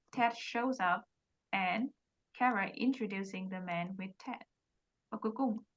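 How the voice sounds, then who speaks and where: A woman English teacher with a Vietnamese accent, explaining quickly in Vietnamese and modeling English words slowly on a video call. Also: mid-range voice, muffled recording. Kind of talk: online English lesson, mixing Vietnamese and English.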